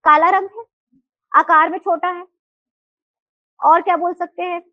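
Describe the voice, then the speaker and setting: A woman teaches a live class with a high voice, explaining and throwing questions out to her students. The sound is dry and close, with a slightly muffled, lo-fi edge. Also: steady tone, unhurried, dry recording. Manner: explains and asks the class questions, mixing Hindi and English.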